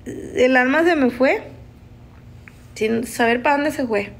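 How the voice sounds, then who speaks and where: Woman telling a frightening story. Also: high voice. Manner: halting, emotional, with frequent restarts and nervous laughs. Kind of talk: casual spoken storytelling.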